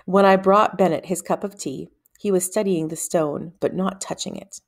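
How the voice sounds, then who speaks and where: Reading fiction aloud, a woman uses a slightly low voice. Her deliberate phrasing lends the narration an expressive, storybook quality.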